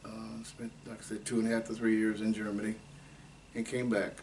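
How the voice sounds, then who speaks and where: A man's voice: lowish voice, monotone, a little mellow. Octogenarian Ohio man, interviewee; meandering storyteller, picked up from a distance with faint noise. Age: 80s. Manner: unhurried, rambling, with many fillers. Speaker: oral history interviewee. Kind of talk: unscripted life-story reminiscing.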